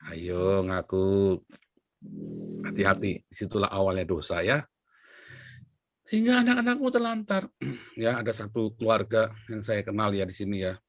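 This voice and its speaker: A middle-aged man from Indonesia, a pastor preaching in a chatty, storytelling way, swinging between loud emphasis and quiet asides. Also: lowish voice, normal speed, pauses often, no room sound, studio quality. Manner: chatty and anecdotal, with sudden rises and drops in volume. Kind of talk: sermon.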